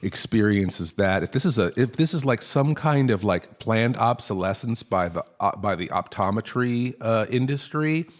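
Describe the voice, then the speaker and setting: A man's voice: on the low side, expressive, moderate pace, hardly any pauses. A man hosting a comedy podcast, chatting casually and rambling, often stammering and restarting his sentences. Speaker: podcast host.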